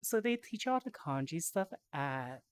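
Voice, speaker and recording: A woman wearing a VR headset live-streams a casual chat while learning Japanese, reading phrases aloud slowly and laughing easily. Her low, sing-song voice sounds tired and a little hoarse, as if she's losing it, and the headset mic picks it up with no echo.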